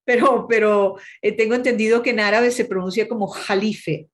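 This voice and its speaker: A woman speaks as a guest on an interview, her voice sitting a little higher than most. She is chatty and easygoing, and she spells out details slowly. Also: steady tone. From Ecuador. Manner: chatty, adds "¿no?" often and spells things out slowly. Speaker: guest musician and music teacher. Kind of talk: casual interview chat.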